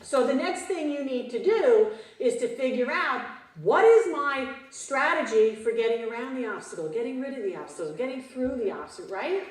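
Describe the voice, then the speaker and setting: A woman in her fifties delivers an animated motivational keynote to a conference audience, prompting the crowd with frequent questions. Her voice is high-pitched, and the recording sounds roomy, as if from a distant mic in a hall.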